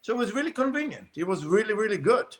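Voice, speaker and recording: A man who races RC cars, telling rambling, animated stories in a casual podcast chat with many fillers. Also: sits high, fast talker. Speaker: guest, RC car racer.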